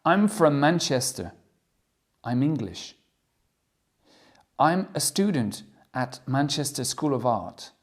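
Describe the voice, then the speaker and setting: A man reading out a young woman student's self-introduction as a model answer, slowly and carefully. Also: fairly high pitch, full character voice.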